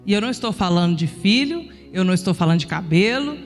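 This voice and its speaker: A woman's voice: mid-range voice, fast, in a large hall, soft background music. A middle-aged woman preacher telling a chatty family story in her sermon. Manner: animated, chatty anecdotes.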